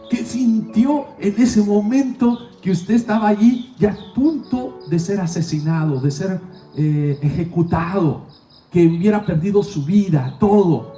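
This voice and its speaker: A man's voice: sits high, mellow, echoey room, far from the mic, close to an everyday voice. A man voicing a nervous, prying male shopkeeper who asks probing, pleading questions, within a sermon story.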